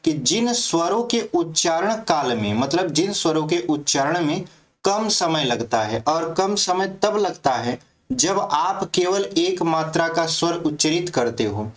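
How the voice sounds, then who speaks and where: A man teaching a grammar lesson for exam prep, explaining step by step and often checking that students follow. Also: on the high side.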